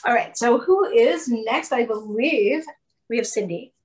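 Upbeat woman hosting, breathy voice. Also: on the high side, expressive, unhurried, darkish tone. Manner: upbeat, encouraging. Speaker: host. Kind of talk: hosting an online cooking event. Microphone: laptop webcam, video call.

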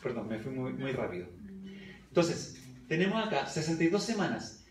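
A man's voice: medium pitch, sing-song, normal speed, slight background noise. Man preaching in an echoey church. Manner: asks the congregation questions and reads scripture aloud. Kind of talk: Bible study sermon. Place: church hall. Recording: echoey church recording from a distance.

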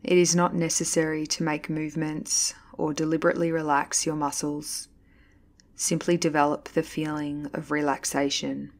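A female yoga nidra instructor guides a meditation in a low register with level intonation. Her scripted narration is calm, with deliberate pauses.

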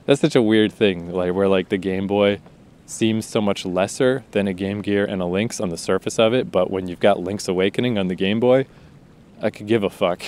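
A Canadian man in his thirties with a fairly low voice, talking loosely and informally. He rambles from one thought to the next, swears freely and leans on fillers. It sounds like a relaxed spoken intro to a podcast. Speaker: podcast host and author.

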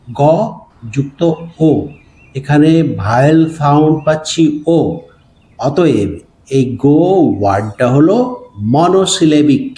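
A man's voice: fairly high pitch, a little mellow, echoey room, low-quality recording. A male teacher patiently explaining grammar step by step to students. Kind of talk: classroom grammar lesson.

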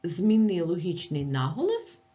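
A woman's voice: fairly low pitch, huge pitch swings, a little slow, warm tone, highs cut off. A woman teacher explaining grammar by asking short questions and answering them herself.

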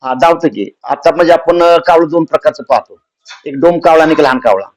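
निवृत्त सैनिक, ग्रामीण सांगलीकडचा मराठी लहेजा, मुलाखतीतली उत्तरे, जोर देताना आवाज चढवणारा पुरुष. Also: male voice, on the high side, brisk, poor audio. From Sangli district, Maharashtra. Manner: earnest, repeats and restarts phrases, rises when stressing points. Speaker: retired soldier and entertainer. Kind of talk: interview answers.

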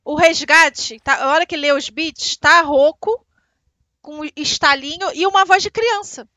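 A woman co-hosting a casual gameplay livestream, chatting quickly with her partner and the chat. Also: high voice, pushed and bright, no echo. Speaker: streamer, co-host.

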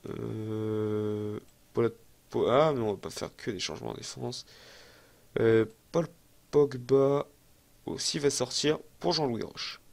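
This gaming YouTuber, a young man, talks through a football management game in a slow, creaky, mid-range voice. He's excitable and chatty, laughing at himself while reasoning aloud in casual let's-play style.

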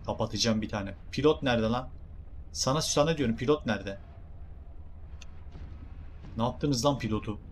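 A young man with a Turkish accent doing excitable, jokey game commentary and talking to his viewers. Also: medium pitch, moderate pace, pauses often, slight background noise. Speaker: gaming streamer.

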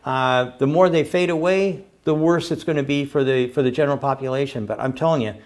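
Brisk and darkish in tone, the older man's mid-range voice drives a casual interview he's hosting. His enthusiasm spills into rambling, and he stumbles as he repeats words.

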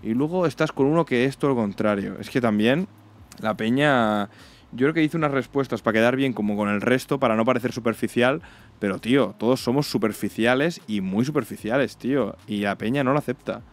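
Blunt, slangy young Spanish man. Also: a little fast. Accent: Spain Spanish. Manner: blunt, slangy and swearing, mocking others in shrill put-on voices. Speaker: reaction streamer. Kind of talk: casual reaction commentary.

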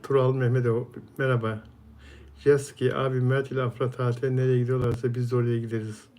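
A man running a casual live stream works through viewer comments aloud in turn, replying to each viewer by name with a friendly, chatty manner. His ordinary mid-pitched voice has a darkish tone, a brisk pace and little pitch movement.

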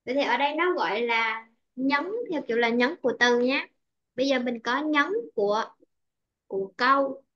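A woman's voice: on the high side, moderate pace, fairly bright tone, lo-fi sound. A Vietnamese woman teaching English pronunciation in an online lesson, patient and checking often that the student follows.

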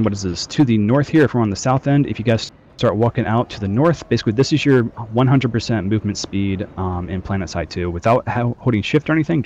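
A man's voice: on the low side, darkish tone, dull audio. A man leading a game training session over group voice chat, instructing loosely with frequent fillers. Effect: heard over group voice chat. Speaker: squad trainer.

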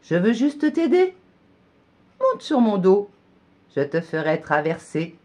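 A woman's voice: mid-range voice, big pitch swings, takes it slowly, dark tone, pitched above the performer's own voice. A woman playing a sly, coaxing fox. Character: sly male fox, smooth and deceitful.

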